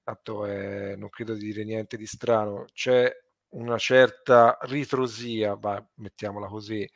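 A man's voice: lowish voice, steady tone, unhurried, no room sound, studio quality. A man co-hosting a casual film discussion, circling his points and choosing his words carefully. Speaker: podcast co-host.

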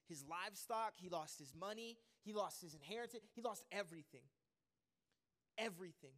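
Lively high-voiced man preaching a sermon. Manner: lively, joking and rambling, with fillers and restarts.

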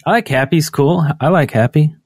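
A man co-hosting a podcast in casual chat, easygoing and quick to agree. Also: fairly high pitch, a little mellow, breathy edge, no echo. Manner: easygoing, brief agreeing replies. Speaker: podcast co-host.

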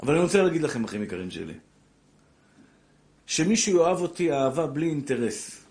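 Older man, rabbi giving a sermon, fairly high voice, heated and direct. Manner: animated preaching, addresses listeners as brothers. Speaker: rabbi giving a Torah class.

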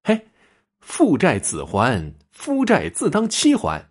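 A man's voice: on the high side, wildly swooping pitch, slow pace, husky, voice pushed up, heavily acted. A man voicing a brazen young mistress who taunts a widow over a debt, in a spoken story. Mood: taunting. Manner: taunting sing-song. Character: brazen sly young mistress demanding money.

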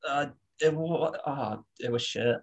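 A man co-hosts a casual sports podcast, blunt and sweary and quick to laugh. His voice is gravelly and husky. He sits at a middling pitch. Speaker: podcast co-host.

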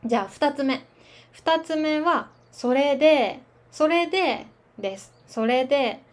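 A woman teaching Japanese filler words in a relaxed, chatty podcast lesson, laughing at her own fillers. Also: sits high, takes it slowly. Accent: standard Japanese. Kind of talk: slow casual language lesson.

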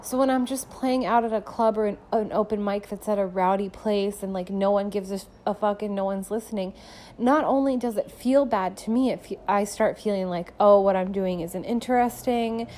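A young woman talks through a personal story in a loose, chatty way, filling her sentences with little fillers and breaking into laughs. Her voice sits at a middling pitch for a woman. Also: fairly even intonation, normal speed, mellow. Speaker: podcast host and musician. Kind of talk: casual personal monologue.

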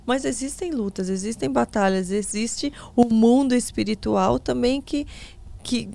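A woman's voice: a little high, a little slow, vocal fry, warm tone. A Brazilian woman interviewer talking conversationally about faith, agreeing and affirming as she goes.

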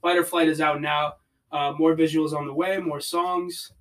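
A man's voice: on the high side, little pitch movement, normal speed, recorded from a distance, crowd noise. A young man chatting casually as a podcast guest in a slangy, agreeable bro manner, with other voices behind him.

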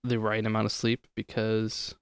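Dry-voiced podcast host reading lists. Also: male voice, lowish voice, completely flat delivery, moderate pace, clean tone, dry recording. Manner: reads lists aloud, joking. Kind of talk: casual chat.

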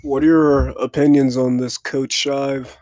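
A man's voice: medium pitch, little pitch movement, unhurried, darkish tone. A man interviewing a student athlete with plain, direct questions.

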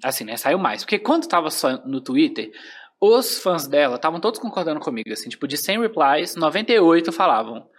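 A man from Brazil with a Brazilian Portuguese accent, a podcast guest telling an animated story in casual chat, full of filler phrases. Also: a little high, a little fast.

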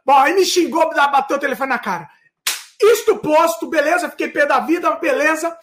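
A man hosting a casual podcast, telling stories in an animated way with frequent restarts. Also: very high voice, a little fast, slight background noise. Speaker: podcast host.

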